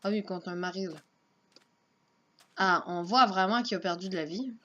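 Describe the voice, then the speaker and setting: Muttering her moves under her breath, a woman plays a game and offers casual, offhand remarks for her let's play. She has a sharp-toned, mid-range voice at normal speed, and the dull lo-fi home mic picks up faint noise.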